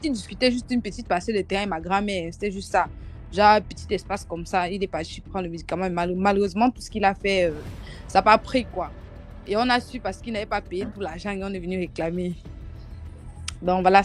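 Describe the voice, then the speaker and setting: A woman wraps up a short story in a casual, halting way, with a few hesitations. Her voice sits at a middle pitch. Faint music plays underneath. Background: faint tense background music.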